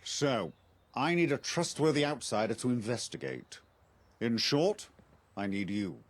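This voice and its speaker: A formal, measured knightly quest-giver. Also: male voice, mid-range voice, big pitch swings. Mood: grave, measured. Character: measured Arthurian knight-officer recruiting an outsider to investigate. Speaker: quest-giving game character. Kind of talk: scripted game dialogue.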